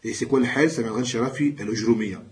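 Guy teaching a class, says each word loud then explains it slow, mid pitch. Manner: explains slowly, switches between French and Arabic words; calls out each new word louder before explaining it. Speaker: Arabic teacher. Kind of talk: classroom lesson.

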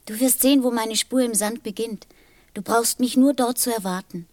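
A woman plays a small boy prince from another planet in a radio play. He is gentle and earnest, with a childlike seriousness. The sound is dry, with hardly any room around it. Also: on the high side, moderate pace, no echo, natural voice. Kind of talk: audio drama acting.

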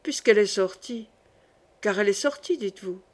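A woman reading the lines of a cold, imperious aging queen mother, calm and dismissive. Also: mid-range voice, moderate pace, lightly acted.

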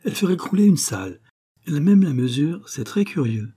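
A man reading an audiobook voices an eager, exclamatory male theater manager, raising his pitch. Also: sing-song, fairly quick, dark tone, slightly rough. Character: enthusiastic middle-aged male theater manager.

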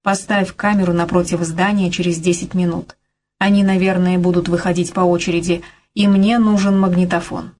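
A woman reading a calm, steady male reporter. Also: fairly low pitch, normal speed, close to an everyday voice. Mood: businesslike. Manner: calm, businesslike. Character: calm, determined male TV journalist.

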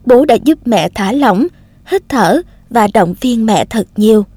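A woman's voice: on the high side, lively intonation, unhurried, breathy edge, no echo. A woman voicing a loving young mother writing tender letters to her baby. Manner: tender, softly reading out letters.

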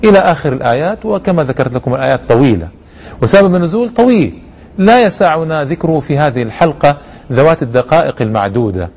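A man's voice: on the high side, animated, fast talker, a little mellow, slightly rough. Earnest man lecturing in formal Standard Arabic. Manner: earnest, reverent, rhetorical questions. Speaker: host of a religious programme. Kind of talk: religious lecture to listeners.

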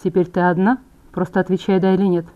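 A smooth-talking male villain, voiced by a woman reading a storybook audiobook. He speaks slowly and quietly, keeping a cool, threatening calm. The menace stays under the surface. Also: on the low side, dull audio, close to an everyday voice. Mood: cold menace.

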